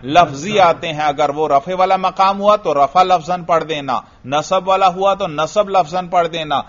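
A man's voice: fairly high pitch, fairly bright tone. A man teaching Arabic grammar, patiently quizzing a student and repeating each answer back. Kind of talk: patient classroom drilling. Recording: lo-fi recording.

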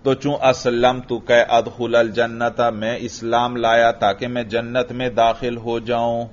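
A man teaching Arabic grammar in to a class, slowly repeating phrases and quizzing his students. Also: mid-range voice, flat delivery, muffled recording. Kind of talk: classroom lesson.

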